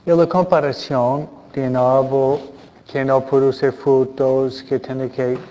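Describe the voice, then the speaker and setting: Slow-paced priest, dull muffled recording. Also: male voice, flat delivery, dark tone, big-room sound, slight background noise. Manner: deliberate, with frequent pauses. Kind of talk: Gospel reading and homily. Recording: dull, muffled low-fidelity sound.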